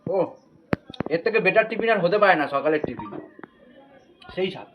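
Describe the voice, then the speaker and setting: Chatty young dad vlogging at home. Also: male voice, high voice, very animated, normal speed, dull audio, noisy background. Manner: chatty, coaxing a small child. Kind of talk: casual daily-life vlog chat. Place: village home, partly outdoors in rain.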